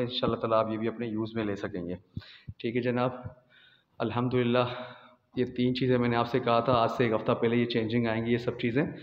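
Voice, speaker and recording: A man in his thirties with a Pakistani Urdu accent, a gym owner chatting casually as he walks through his gym on a phone camera, tagging his sentences with "theek hai". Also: mid-range voice. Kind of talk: casual walkthrough vlog. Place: large indoor gym. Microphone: phone camera, selfie then walking. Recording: lo-fi phone audio with faint room noise and reverb.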